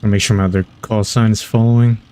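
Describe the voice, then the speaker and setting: A man's voice: fairly low pitch, level tone, fast, dark tone. A man playing a section leader in a military simulation game, mixing brief radio replies with casual chat.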